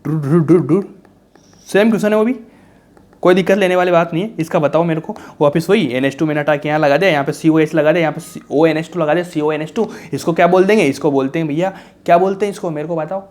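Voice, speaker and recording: Young male tutor, rapid casual lecture, asks and answers his own questions, slightly high voice. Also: darkish tone. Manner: rhetorical questions answered himself; colloquial, reassuring, calls students bhaiya and raja. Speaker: chemistry teacher. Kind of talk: casual exam-prep lecture.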